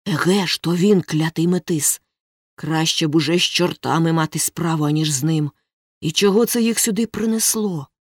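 A woman voicing a scared, superstitious boy, speaking in a low, trembling whisper for a storybook reading. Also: moderate pace, no echo, clean studio sound. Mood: fearful.

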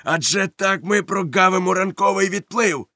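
A man voicing a crafty, long-legged male ship's cook who hails the crew with loud, drawn-out shouts. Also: on the high side, very animated, slightly rough, no echo, clean studio sound, voice pushed up, full character voice. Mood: hearty.

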